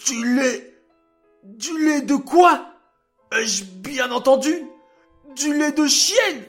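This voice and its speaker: A man's voice: extremely high pitch, animated, extremely slow, faint music behind, pitched above the performer's own voice, full character voice. Man playing a furious dying king. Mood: outraged. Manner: outraged, shouting, coughing. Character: angry dying old king.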